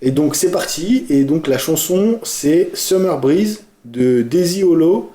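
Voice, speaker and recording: A man co-hosting a casual music podcast, talking about a song he loves with frequent hesitations and clear enthusiasm. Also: on the high side, expressive, takes it slowly, dark tone. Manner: hesitant, many fillers, enthusiastic. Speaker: podcast co-host presenting a song. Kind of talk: casual chat. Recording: echoey room.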